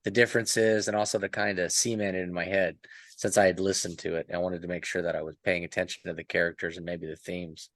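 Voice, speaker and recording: Man, very low voice, dry close sound, loose chatty book-club talk. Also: level tone, quick pace, a bit bright, no echo. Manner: rambling, thinks aloud with restarts. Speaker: podcast panelist. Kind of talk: casual book discussion.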